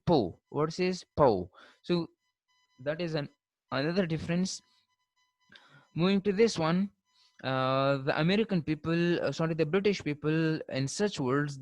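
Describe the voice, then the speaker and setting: Slow careful lecturer, says each word twice, keeps checking with "fine", dry close sound. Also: mid-range voice, no room sound. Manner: repeats each word twice to contrast pronunciations; ends points with a checking "fine". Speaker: linguistics lecturer. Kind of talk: classroom lecture on pronunciation.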